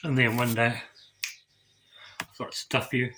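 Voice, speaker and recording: Middle-aged man, tearful vlog confession, halting delivery, bright tone, faint background noise. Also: medium pitch, flat delivery. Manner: emotional, tearful, halting with repeated words. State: crying. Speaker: vlogger. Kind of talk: personal story to camera.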